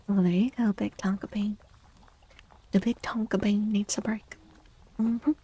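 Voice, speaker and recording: With her mouth near the mic, a streamer reads tarot ASMR-style, softly and often in a breathy whisper, in a cutesy, affectionate, playful way. Her medium-pitched voice stays fairly even and moves a little slowly.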